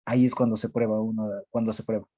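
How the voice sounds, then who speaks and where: A man leading a group Bible study, talking haltingly and searching for his words. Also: lowish voice, little pitch movement, mellow, no room sound.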